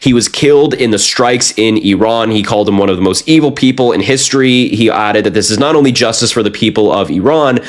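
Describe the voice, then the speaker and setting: A man's voice: fairly low pitch, a little fast, hardly any pauses. Man hosting a political news show. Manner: direct, conversational address to viewers. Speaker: host.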